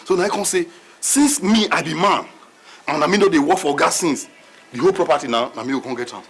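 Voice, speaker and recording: A man's voice: fairly high pitch, quick pace, a bit bright, slightly rough. A male actor with a Nigerian accent playing a boastful, argumentative servant, emphatic and repetitive, in a film drama. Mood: boastful storytelling.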